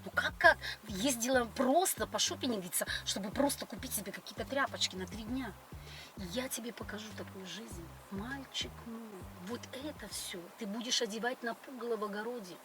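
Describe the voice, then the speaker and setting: A woman's voice: on the high side, normal speed, a crowd in the background. A middle-aged woman chatting on a date in a grand, coquettish and condescending manner. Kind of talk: casual date chat. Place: inside a car. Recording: noisy car interior.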